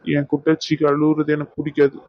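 A man plays an exasperated young husband in a cartoon who pleads and complains. His voice sits fairly high and sounds dry. The recording is dull and lo-fi. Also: monotone, fairly quick, no echo, lightly acted.

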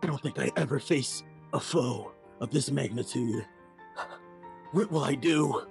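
A man's voice: mid-range voice, a little slow, creaky, a little mellow, soft background music. A melodramatic schoolboy, played by a man, who believes he is an anime hero. He delivers a grand, self-serious monologue in a comedy skit. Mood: grave.

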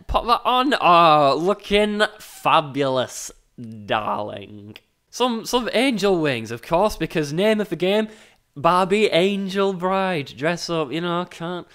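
Music plays behind a high-pitched, slightly bright, clean male voice. It belongs to a twenty-something British YouTuber giving casual let's-play commentary that's jokey, sarcastic and loaded with swearing.

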